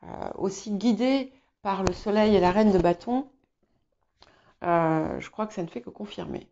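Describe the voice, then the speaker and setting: Reading tarot intuitively and informally for her viewers, this native English-speaking host of guidance videos has a mellow, creaky, sing-song delivery at medium pitch. She halts and hunts for words but stays reassuring, on a slightly muffled, dull recording.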